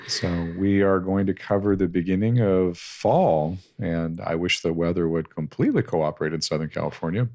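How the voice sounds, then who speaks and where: At home in Southern California, a man co-hosts a podcast with his wife, chatting casually and playfully. His voice is low and a little mellow, at normal speed with few pauses.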